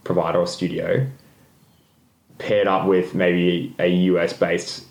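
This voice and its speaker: A man's voice: low-pitched, level tone, takes it slowly, vocal fry, darkish tone. A man co-hosting a podcast in casual chat, rambling and laughing often as he corrects himself. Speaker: podcast co-host. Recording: roomy echo.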